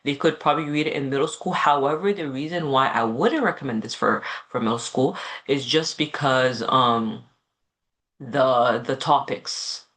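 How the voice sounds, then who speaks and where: A man chats casually about a novel in a relaxed review video. His talk meanders through fillers, restarts and side thoughts, and he keeps tacking on a quick "okay?" to make sure you follow. His pitch sits at an ordinary middle level for a man. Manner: rambling, filler-heavy, with many asides; ends points with a checking "okay?". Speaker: book vlogger. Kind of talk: casual book review chat.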